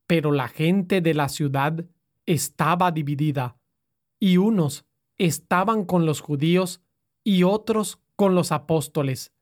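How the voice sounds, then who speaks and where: A woman reading scripture aloud in a solemn, measured way. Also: low-pitched, darkish tone. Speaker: scripture reader.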